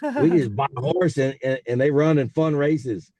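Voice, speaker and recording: A man's voice: a little high, moderate pace, mellow, no echo. A man in his forties with a Texan accent, telling stories casually as an interview guest over a car speakerphone while driving. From South Texas. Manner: easygoing, rambling, frequent fillers. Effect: talking on a car speakerphone while driving. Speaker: interview guest, racehorse owner. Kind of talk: casual storytelling over a phone call.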